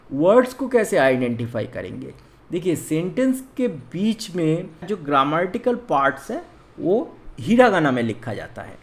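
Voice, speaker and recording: Slow, lively-voiced language teacher from India. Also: mid-range voice. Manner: explains slowly, counts strokes aloud. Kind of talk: online beginner language lesson.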